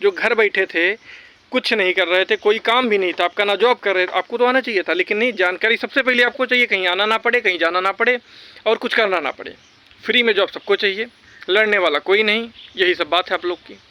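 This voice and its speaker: Brisk, pushed and bright, a high-pitched male voice delivers recruitment exam updates as a vlogger. Talking casually and forcefully opinionated to his audience, he urges them along and keeps repeating points to stress them.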